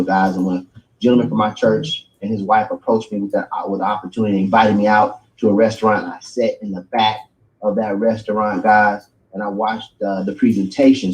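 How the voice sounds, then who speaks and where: A middle-aged man, a grandfather, giving a motivational business pitch on a video call, peppering his talk with "right?" and "guys" and hoarse from losing his voice. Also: darkish tone, low-quality recording. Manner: hype, repeats "right?" and "guys".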